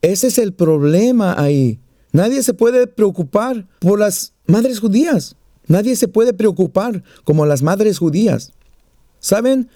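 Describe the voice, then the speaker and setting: A man's voice: sits high, expressive, slow, warm tone, dry recording, clean studio sound. A man preaching a sermon, mixing scripture and prayer with jokes and small stories. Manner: joking storyteller, plays out little voices.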